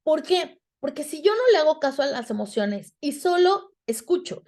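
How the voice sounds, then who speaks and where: Expressive high-voiced Mexican woman. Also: moderate pace. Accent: Mexican Spanish. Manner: expressive, acts out quoted dialogue. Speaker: speaker giving a talk on emotions. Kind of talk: reflective talk to students.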